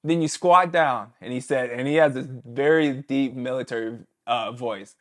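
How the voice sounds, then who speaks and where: With a mid-range voice at normal speed, a thirty-something former pro footballer chats through stories in an informal interview. At times he breaks into imitations of his coach shouting.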